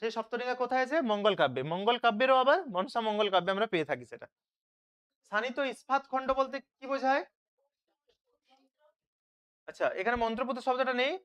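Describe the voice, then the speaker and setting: Tutor, online revision lesson, smooth clear voice, asks and then answers. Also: medium pitch, fairly bright tone. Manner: asks questions and answers them himself, checks with "তাই তো?". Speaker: teacher. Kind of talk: online live class, question-and-answer revision.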